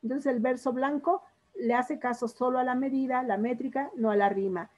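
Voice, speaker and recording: A woman's voice: high voice, fairly even intonation, normal speed, darkish tone. A woman teaching a literature lesson on poetry, patiently quizzing her students and drawing out syllables. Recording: dull lo-fi classroom recording.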